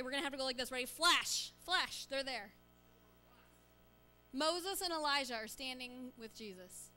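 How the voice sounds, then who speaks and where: Woman, children's sermon, church, slightly high voice, crisp and bright, coaxing questions. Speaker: church children's message leader. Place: church sanctuary.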